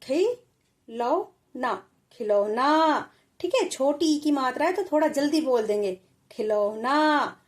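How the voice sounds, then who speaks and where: A woman teacher giving a reading lesson for children, sounding out words slowly and repeating each one. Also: sits high. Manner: addresses children as beta.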